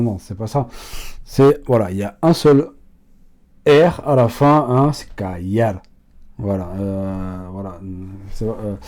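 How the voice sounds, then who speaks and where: Casting: man, mellow low-bright voice, casual rambling language teacher full of fillers. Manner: rambling, many fillers and restarts. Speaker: Spanish teacher. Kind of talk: casual online language lesson.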